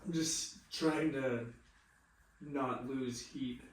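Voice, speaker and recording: A man's voice: mid-range voice, very slow. Casual man in an echoey room. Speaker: camping companion. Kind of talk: casual chat.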